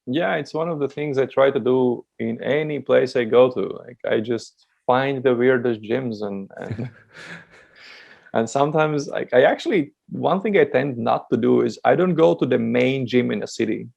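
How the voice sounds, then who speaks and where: A man from Latvia chats as a podcast guest, his voice deeply gravelly and full of fry. He laughs often and restarts his sentences. The recording sounds dull and lo-fi. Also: moderate pace, darkish tone. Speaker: guest, dating coach. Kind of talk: casual podcast chat.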